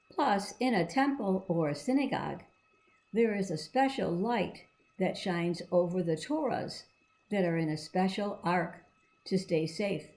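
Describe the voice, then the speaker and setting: A woman reads a storybook aloud to children, pausing to explain things in a simple, encouraging, teacherly way. Her medium-pitched voice is creaky with a darkish tone, and the audio quality is poor.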